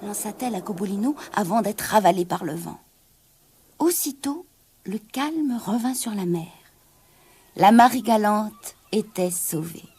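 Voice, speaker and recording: A woman's voice: medium pitch, animated, measured pace, darkish tone, breathy edge. A woman reading a children's storybook aloud in a dramatic way, dropping into whispers and rising to exclamations.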